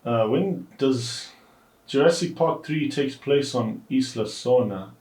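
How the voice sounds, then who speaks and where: A man's voice: mid-range voice, slow, darkish tone. A man co-hosting a podcast, chatting casually about a film and thinking aloud with hedges. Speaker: podcast co-host. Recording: echoey room.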